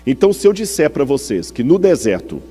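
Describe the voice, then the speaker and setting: A man with a Brazilian Portuguese accent gives a teaching sermon in a mellow, warm voice. He explains patiently and keeps asking the congregation whether they follow. His words ring out with a long reverb through a large church hall. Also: medium pitch, very animated, brisk, slightly rough, faint music behind. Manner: explanatory, checks in with the audience through questions.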